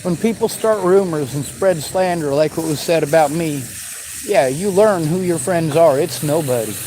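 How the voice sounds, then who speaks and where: A man's voice: on the high side, moderate pace, mellow, slight background noise, rough recording. Bitter, swearing man in his forties. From western United States. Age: 40s. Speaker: vlogger answering viewer questions. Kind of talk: angry unscripted monologue.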